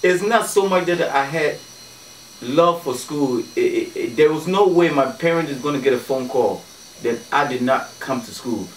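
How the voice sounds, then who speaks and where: A man from Ghana, a guest on a radio show, telling stories in a relaxed way with many fillers and restarts. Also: medium pitch, moderate pace, roomy sound, far from the mic, slight background noise, rough recording. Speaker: guest, community organizer. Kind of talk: casual radio interview. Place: radio studio.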